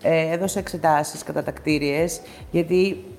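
A woman's voice: low-pitched, fairly even intonation, a little mellow, in a large hall. A woman actress as an interview guest, telling stories animatedly with many hesitations. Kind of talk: casual interview storytelling.

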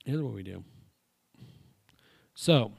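Male podcast host, casual and rambling, jokes between stories, mid-pitched everyday voice. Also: expressive, slow pace, gravelly, slightly rough. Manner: rambling, jokey, thinks aloud with restarts. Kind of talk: casual chat, reading UFO stories.

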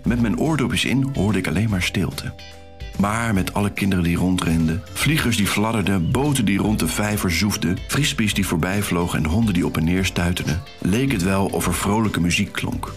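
A man's voice: low-pitched, moderate pace, soft background music, natural voice. An actor playing an anxious, self-conscious young man, narrating an audio drama in the first person with a wry, rueful manner. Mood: wondering. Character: anxious young man, shy secret dancer. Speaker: narrator and lead character.

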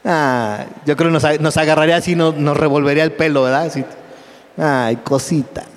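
A male pastor with a fairly high voice preaches in a lively, joking way and keeps asking the congregation for responses. A long reverb from a church hall trails his words. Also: very fast. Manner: lively and humorous, with frequent call-and-response questions. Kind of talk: sermon.

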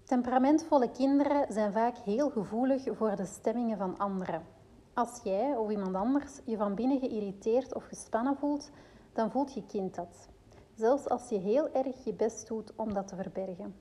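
A woman's voice: on the high side, normal speed, mellow, a little hiss or hum. A woman with a Flemish accent reading aloud from a parenting book and breaking off into loose personal asides full of fillers. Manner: reads steadily, then rambles with fillers in her own asides.

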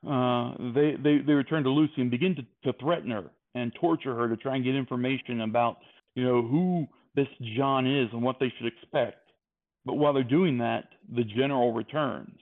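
A man's voice: medium pitch, moderate pace. A man improvising a comic retelling as a storyteller, rambling and correcting himself as he goes. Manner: rambling, self-correcting narration. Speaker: comedy storyteller. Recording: tinny phone-like line.

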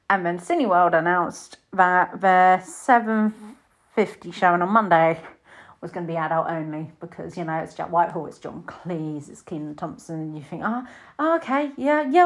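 A British woman in her thirties talks through films she has watched in a loose, rambling way. Her voice sits a little low for a woman. She keeps slipping into sudden high, bright takes on her own reactions. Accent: British English. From Britain. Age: 30s. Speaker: film reviewer. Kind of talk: casual chat.

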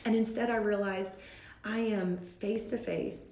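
A woman guest in a conversation, telling a story in an animated, self-mocking way and laughing often. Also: mid-range voice, measured pace, creaky, echoey room, slight background noise. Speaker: guest speaker from a women's ministry.

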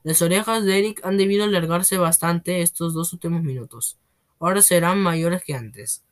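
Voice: mid-range voice, normal speed, lightly acted. A reader voicing a bullying, tyrannical headmistress who roars and scorns in a read-aloud storybook. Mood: scornful. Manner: roaring, scornful.

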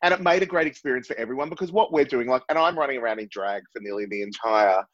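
Fast-talking, excitable drag performer man. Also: mid-range voice, no echo. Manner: excitable, rambling, flamboyant. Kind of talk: casual chat. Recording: dull lo-fi sound.

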